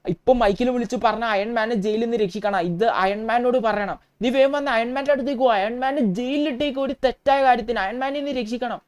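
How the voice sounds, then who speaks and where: Chatty young street hustler voiced by a woman, highish voice, excitable, gameplay role-play. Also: fairly quick, few pauses, lightly acted. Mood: excited.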